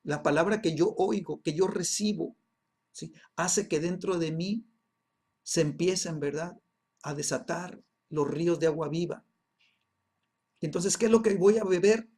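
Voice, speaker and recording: High, husky man teaching a Bible class. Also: a little slow, long pauses, darkish tone. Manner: peppers phrases with "¿sí?" and "¿verdad?", repeats himself for emphasis.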